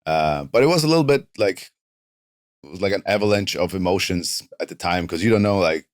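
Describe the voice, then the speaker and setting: Low-voiced and fairly quick, this northern Italian man in his thirties is a pro wrestler guesting in a studio chat. His accent is South Tyrolean German-Italian, his native tongue a German dialect, and he drifts along relaxed, using "like" a lot, in clean studio sound with no room noise.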